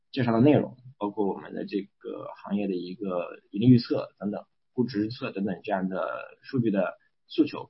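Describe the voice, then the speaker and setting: A man with a fairly low, husky voice gives an analyst's briefing on a call, repeating phrases as he goes. The audio is somewhat dull and lo-fi. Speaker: securities industry analyst. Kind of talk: semi-scripted investment briefing on a conference call.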